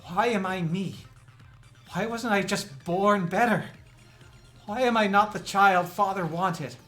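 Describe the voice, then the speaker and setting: Streamer playing a self-hating child reading a diary; bitter and intense over quiet game music. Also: mid-range voice, slow pace, pitched above the performer's own voice. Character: self-hating child desperate to please father. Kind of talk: reading a diary entry aloud in character.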